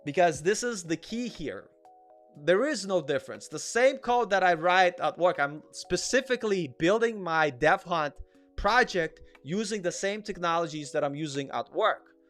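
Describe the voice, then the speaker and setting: Speaking at a moderate pace in a high, animated, fairly bright voice, a Russian man with a slight accent hosts a laid-back live Q&A, with faint music playing behind him. The developer chats with his viewers, reads chat comments aloud, and repeats himself.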